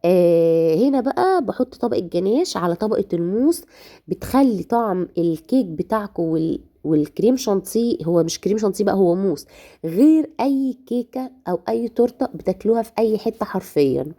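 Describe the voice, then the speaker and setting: A woman with an Egyptian Arabic accent, hoarse and nursing a cough, chatting directly to her viewers through a cake decorating tutorial. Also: medium pitch, animated, fairly quick, dark tone. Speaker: home baker.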